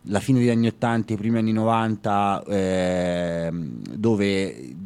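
A man co-hosting a music radio show, talking casually with many pauses and fillers. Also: on the low side, darkish tone, smooth. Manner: hesitant, many fillers, storytelling. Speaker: radio co-host.

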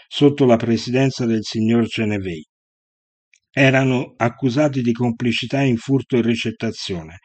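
A man giving a measured, scripted narration of a historical story. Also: mid-range voice, a little mellow, no echo.

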